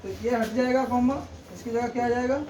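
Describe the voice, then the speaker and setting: Speaking in a very high-pitched, slightly mellow voice, a man delivers a brisk, flat classroom-style grammar lesson. He explains each step and checks in with "theek hai" after almost every point. The mic is distant in an echoey room, with background noise.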